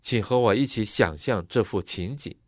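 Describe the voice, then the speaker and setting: A man interpreting a sermon phrase by phrase, matching the preacher's expressive delivery. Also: on the low side, moderate pace, no echo, clean studio sound.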